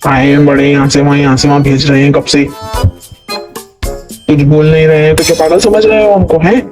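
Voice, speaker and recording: A man's voice: fairly high pitch, flat delivery, fairly quick, close to an everyday voice. A man voicing a short-tempered male job applicant in a cartoon, scolding in an indignant rant. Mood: angry. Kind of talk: cartoon dialogue. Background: music.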